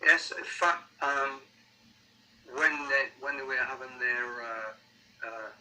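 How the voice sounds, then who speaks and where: Bright-voiced man with a Sunderland accent. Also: mid-range voice, rough recording. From Sunderland, North East England. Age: middle-aged or older. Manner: halting, repeats words while thinking. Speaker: musician being interviewed. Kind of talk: casual interview chat.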